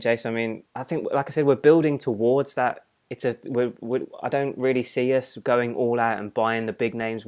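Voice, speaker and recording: A man co-hosting a casual fan podcast, chatty and laughing easily as he reads out listener comments. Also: mid-range voice. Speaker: podcast co-host.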